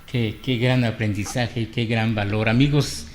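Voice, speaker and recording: A man's voice: medium pitch, steady tone, normal speed, a little hiss or hum. A man hosting an interview, affirming the guest and reading out reflections before his questions. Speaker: interview host.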